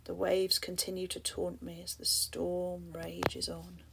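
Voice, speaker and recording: A woman reading rhyming spoken-word poetry aloud in a soft voice that often drops to a breathy half-whisper, at times turning to ask the listener reflective questions. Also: lowish voice, monotone, slow, background noise.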